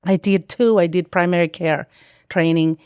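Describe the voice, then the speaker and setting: Woman, lowish, dry close mic. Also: steady tone, normal speed, darkish tone, clean tone, no echo. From El Salvador. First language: Spanish. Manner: storytelling, frequent restarts and acted-out quotes. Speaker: guest, psychiatric nurse practitioner. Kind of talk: casual interview chat.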